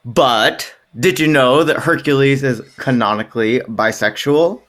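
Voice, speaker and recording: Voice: medium pitch, a little slow, fairly bright tone. A podcast co-host retelling myths in casual chat, playful and jokey with wry asides.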